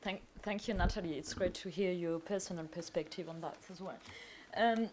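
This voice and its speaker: A woman's voice: fairly low pitch, moderate pace, a little mellow, slight background noise. A woman moderating a conference panel, asking long, rambling questions with frequent fillers. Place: conference hall.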